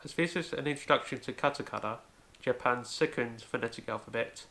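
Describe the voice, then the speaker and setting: A man with a gravelly, creaky voice at a middle pitch teaches a home-made language lesson. He explains carefully, one step at a time, and often opens with "so". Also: a little fast, pushed and bright. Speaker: language video host.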